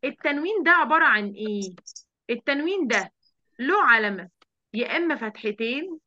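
A woman's voice: high voice, animated, brisk, pushed and bright, no room sound. A woman with an Egyptian accent teaching an online primary class, coaxing the children with many questions. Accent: Egyptian Arabic. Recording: dull lo-fi online audio.

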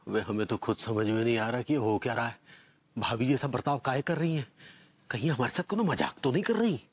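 An actor playing a short-tempered, blustering middle-aged man, gruff. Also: mid-range voice, a little fast, close to an everyday voice. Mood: baffled. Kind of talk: TV sitcom acting.

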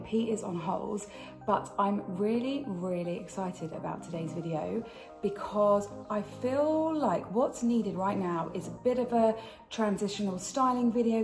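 British woman wearing retainers, echoey room. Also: mid-range voice. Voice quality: slight impediment from wearing dental retainers. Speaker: fashion channel host. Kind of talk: chatty styling vlog. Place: indoors in a kitchen. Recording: roomy kitchen echo.

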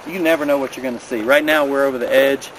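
A man's voice: medium pitch, steady tone, quick pace, a bit bright, low-quality recording. A man in his thirties giving a casual, practical rundown of hiking gear outdoors by a river, filmed on a camera a few steps away. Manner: friendly, practical, recommending. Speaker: vlogger. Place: outdoors by a river in a mountain valley. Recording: outdoor camera audio with clear background noise.

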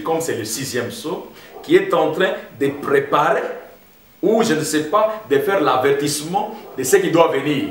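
A man preaching a sermon as pastor, emphatic and addressing the congregation as brothers. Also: on the high side. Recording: roomy echo, heard from a distance.

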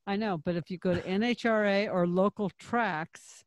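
A woman's voice: mid-range voice, normal speed, no echo. A woman co-hosts a loose, casual podcast chat. She is blunt and jokey and swears without a second thought. Her voice sounds dry and close, with no room around it. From Phoenix area, Arizona. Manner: joking, blunt, swears freely. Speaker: podcast co-host.

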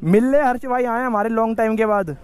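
A man's voice: very high voice, brisk, darkish tone, a little hiss or hum. A young man chatting casually to the camera in his moto vlog, outdoors on a city street with friends. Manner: chatty, calls friends "bhai" and "yaar". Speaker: vlogger.

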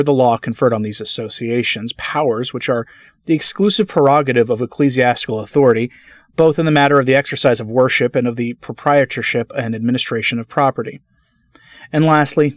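A man reading a formal church letter aloud in a measured, deliberate way, now and then stumbling and restarting a word. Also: mid-range voice, no echo, clean studio sound. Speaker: channel host reading a papal letter aloud.

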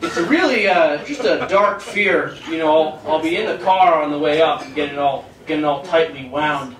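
A man's voice: fairly high pitch, normal speed, a crowd in the background. An eighteen-year-old man doing a stand-up comedy routine as a self-deprecating, awkward storyteller into a handheld mic on a club stage. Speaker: stand-up comic. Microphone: handheld stage microphone, recorded from the audience. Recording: roomy club sound, distant, some noise.

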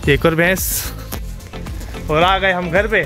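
A man's voice: sits high, takes it slowly, music in the background. Chatty young man vlogging on a phone. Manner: chatty, excited, addresses viewers as "yaar". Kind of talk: casual travel vlog narration.

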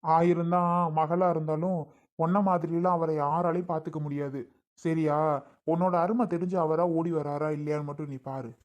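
Grown son, reassuring and persuasive, low-pitched, a woman voicing him. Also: fairly even intonation, normal speed, a little mellow, close to an everyday voice. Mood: coaxing. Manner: coaxing, reassuring. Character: caring grown son comforting his mother. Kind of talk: family skit acting.

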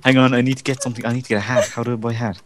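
A man's voice: medium pitch, flat delivery, very fast. A man making wry, offhand remarks while playing a multiplayer game. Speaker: gamer. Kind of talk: casual multiplayer gaming chat.

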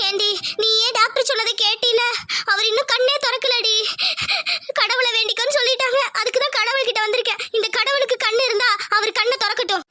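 A woman voicing an anxious young wife in a cartoon, pleading and tearful in rustic speech, with a pitched-up voice. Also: steady tone, a little fast, background noise. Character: anxious, devoted young wife of an injured man.

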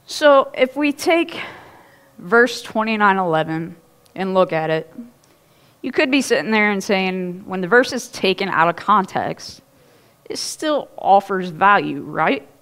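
Speaking at a measured pace and medium pitch, a thirty-something woman pastor from Ohio gives a casual, story-driven sermon on a church stage. She's animated and chatty, breaking in with laughs and asides.

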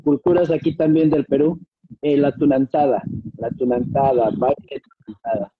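Speaking at a normal speed with fairly even intonation, a young male guest singer from Peru answers interview questions over a webcam in a small room at home. His voice is a little high and slightly rough, with a Peruvian Spanish accent, and he comes across as polite and hesitant. The sound is the dull, dry tone of a video call.

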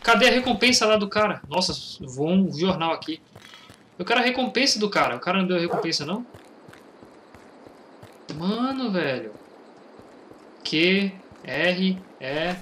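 With game noise and train sounds behind him, a young Brazilian man narrates his let's play in casual slang, reading dialogue aloud and getting excited in fights. He has a Brazilian Portuguese accent and a high voice at normal speed, pausing often.

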